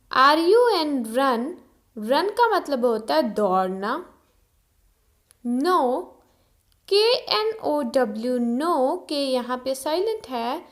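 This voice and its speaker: A woman teaching English vocabulary, saying each word, spelling it out letter by letter and giving its meaning. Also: sits high. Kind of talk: slow vocabulary drill.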